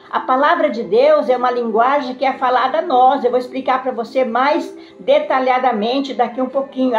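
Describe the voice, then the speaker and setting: A woman preaching a live-streamed sermon. She keeps checking in with a questioning "né?", asks listeners questions and greets viewers by name. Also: high voice. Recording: roomy, slightly dull sound with faint music behind.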